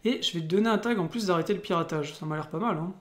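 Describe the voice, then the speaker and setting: Someone with a French accent casually commentates their own online card game match in a rapid-fire, mid-range voice, full of fillers and restarts. The room is roomy and echoing.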